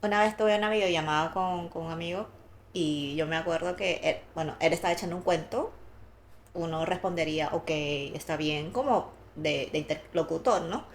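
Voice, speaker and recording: A woman's voice: lowish voice, moderate pace, slight background noise. A woman co-hosting a podcast, telling personal anecdotes in casual conversation. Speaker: podcast co-host. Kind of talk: casual chat.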